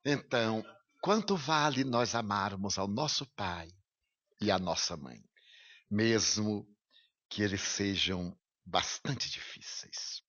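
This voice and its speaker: A man's voice: fairly low pitch, animated, slow pace, fairly bright tone. A man giving a lecture, telling a personal story with emotion and vivid detail. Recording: lo-fi radio recording.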